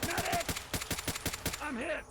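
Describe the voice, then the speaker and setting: An actor voicing a soldier in a video game, shouting urgent combat calls like a wounded man in battle. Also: slow, close to an everyday voice. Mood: wounded, desperate. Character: male Enclave soldier in combat, panicked shouts for help. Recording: loud gunfire noise over voice. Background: machine-gun fire and gunshots.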